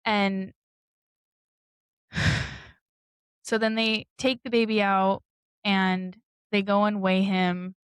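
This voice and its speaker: A woman's voice: medium pitch, little pitch movement, very slow, long pauses, clear, resonant tone, no echo, low-quality recording. A woman co-hosting a podcast, telling a personal story in a candid, blunt way, swearing and laughing often. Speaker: podcast co-host. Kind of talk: casual storytelling.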